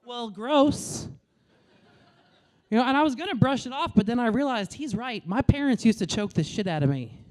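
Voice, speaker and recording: A woman in her late thirties doing a stand-up comedy set on a club stage, brash and crude, with deadpan asides to the crowd. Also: fairly high pitch, moderate pace. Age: late 30s.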